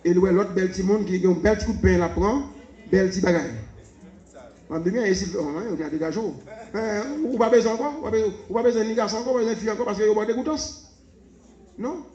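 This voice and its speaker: A man preaching a sermon, swinging from low murmurs to shouts. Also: quick pace, reverberant, lo-fi sound.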